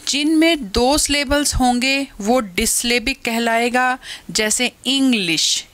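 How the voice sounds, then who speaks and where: Woman teacher, slow careful pace, fairly high voice, lecture, repeats example words. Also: a bit bright.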